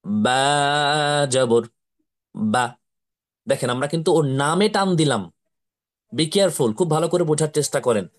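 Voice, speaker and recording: A man teaching how to read the Quran, slowly repeating syllables and asking his pupils to say them with him. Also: on the high side, expressive, a little mellow. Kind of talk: slow drilling lesson with repetition.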